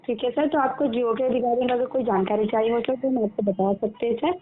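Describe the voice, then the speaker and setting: This woman, a phone customer care agent with an Indian accent, sticks to a script, staying courteous, formal and repetitive. Her slightly high voice holds a steady tone at a brisk pace, and the call sounds tinny with a little background noise.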